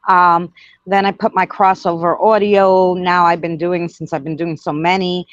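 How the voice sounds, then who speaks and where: A woman's voice: fairly low pitch, little pitch movement, normal speed, no room sound. A woman with a Queens, New York accent chatting casually as a guest, rambling through retold stories and quoted conversations. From Queens, New York City. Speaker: guest, paranormal spirit communicator. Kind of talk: casual chat. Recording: dull lo-fi close audio.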